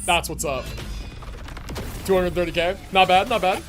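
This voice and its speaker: Reacting to gameplay, a young adult video game livestreamer gives casual, slangy, exclamatory commentary. The voice is mid-range at a moderate pace, with game music and sounds playing behind it.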